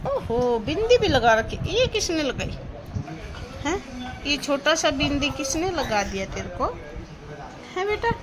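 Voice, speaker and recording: A woman's voice: high voice, noisy background. A woman vlogging at home on her phone, chatting to viewers and cooing and fussing at a baby girl. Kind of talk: casual home vlog. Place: room at home.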